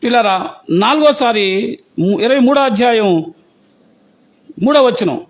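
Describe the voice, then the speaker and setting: A man's voice: very high voice, expressive, a little slow. A male pastor preaching a sermon, telling stories and firing rhetorical questions at the congregation in an emphatic, exhorting way. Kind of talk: sermon storytelling.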